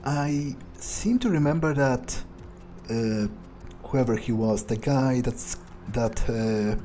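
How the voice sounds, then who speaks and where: A man plays a game and comments in character, thinking aloud in a nonchalant, rambling style with casual swearing, like a let's player. His mid-range voice moves at a slow pace with a mellow tone, and a little hiss or hum sits underneath.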